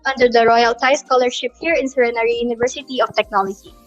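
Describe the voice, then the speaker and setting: A woman's voice: on the high side, fairly even intonation, quick pace, faint music behind. A young woman from the Philippines, a student giving a prepared self-introduction over lo-fi online audio. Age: young adult. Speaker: student speaker.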